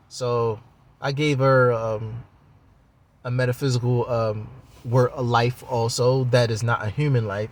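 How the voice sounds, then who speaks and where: A man talking in a loose, rambling monologue about spiritual ideas, casual and profane, with lots of fillers. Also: medium pitch.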